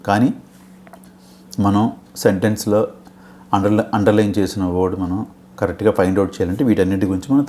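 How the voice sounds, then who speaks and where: Very deep-voiced Telugu grammar teacher. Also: male voice, warm tone, slight background noise. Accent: Telugu-accented English. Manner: patient, explanatory, checks in with "okay?" often. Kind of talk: exam-prep lecture in Telugu with English terms.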